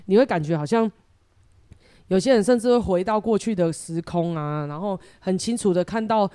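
Mellow-voiced woman host. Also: mid-range voice, moderate pace, clear, resonant tone, dry recording, clean studio sound. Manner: animated, explanatory, lively. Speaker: host and spiritual teacher. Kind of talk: casual podcast conversation.

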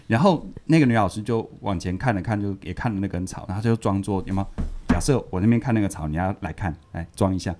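Over music, a male podcast co-host with a fairly low voice reviews a book, quickly and casually retelling one of its stories. He's animated, laughs while he tells it, and keeps repeating words.

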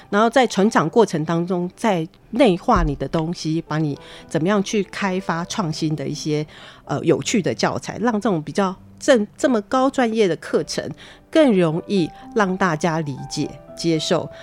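A woman with a fairly low voice talks through how courses are built, pausing on fillers as she goes. Faint music sits under her speech. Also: a little mellow. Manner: explanatory, frequent hesitation fillers. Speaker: guest, university digital teaching staff. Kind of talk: conversational interview explanation.

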